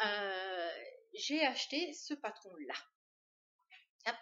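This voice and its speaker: A woman's voice: mid-range voice, lively intonation, slow, bright, forceful tone. Chatty woman with a lo-fi sound. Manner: chatty, hesitant, many fillers. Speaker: knitting podcaster. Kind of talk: casual show-and-tell chat. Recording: dull lo-fi sound.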